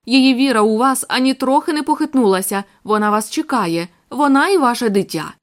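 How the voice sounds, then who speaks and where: A woman doing a shrewd old detective, calm and firm, high voice with a lively range, audiobook. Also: a little fast, close to an everyday voice. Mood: measured. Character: shrewd elderly male Belgian detective.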